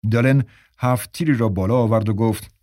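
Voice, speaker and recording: A man narrating a story in a measured, scripted way. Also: mid-range voice, a little mellow, no echo, clean studio sound.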